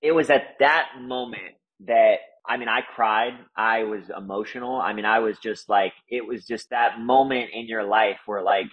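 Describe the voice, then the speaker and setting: A man's voice: on the low side, steady tone, normal speed, hardly any pauses, lo-fi sound. A man telling his business founder story in a casual interview, earnest and loose, full of "like" and "right?".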